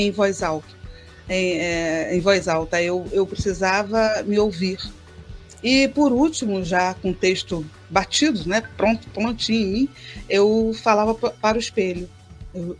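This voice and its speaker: A woman, a poet and teacher, answering interview questions thoughtfully and repeating words as she finds them. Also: mid-range voice.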